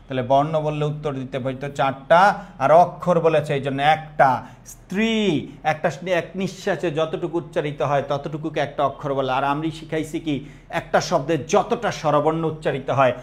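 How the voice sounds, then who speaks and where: Man teaching, higher pitch. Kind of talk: online exam-prep lesson.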